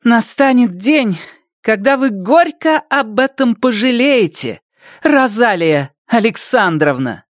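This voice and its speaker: An audiobook narrator voicing a teenage girl who is tearful and pleading, then icily defiant, in a high, strained voice. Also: normal speed, dry recording, clean studio sound, lightly acted. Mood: icy, proud. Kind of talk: audiobook reading.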